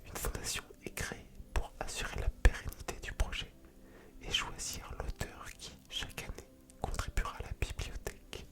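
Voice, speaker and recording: A woman hosting ASMR in a soft, unvoiced library whisper, reading aloud and commenting casually. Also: moderate pace. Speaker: ASMR video creator and host.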